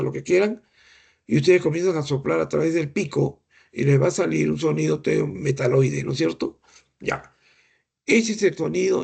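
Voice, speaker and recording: A man's voice: fairly high pitch, creaky, a little mellow, slightly rough. A middle-aged man lecturing on clinical examination, explaining patiently, asking rhetorical questions and imitating breath sounds. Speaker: medical lecturer.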